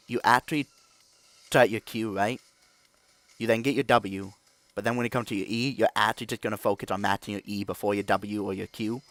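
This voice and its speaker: With a lowish voice and no echo, a man runs a gaming channel, offering meandering commentary packed with fillers and occasionally growing loud and excited.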